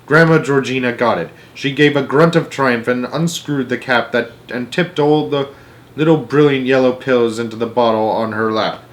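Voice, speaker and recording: An expressive male narrator reads a children's story aloud in a mid-range voice at a moderate pace.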